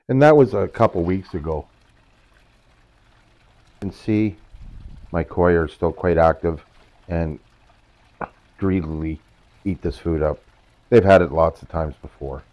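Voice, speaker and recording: Older man, low-pitched and hoarse from a cold, pausing often as he reviews pond food. Dull, dry home recording. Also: no echo. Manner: halting, pauses mid-sentence to find words. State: hoarse from a cold, voice cracking upward. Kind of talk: casual product review.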